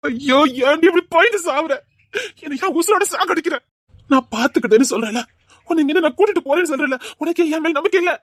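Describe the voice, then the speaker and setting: A desperate young groom in a home-made drama, voiced by a woman, pleading in a quick, high voice. The sound is close and dry, with no room around it. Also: expressive, darkish tone, dry recording. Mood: anguished. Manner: pleading, emotional. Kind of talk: amateur drama dialogue.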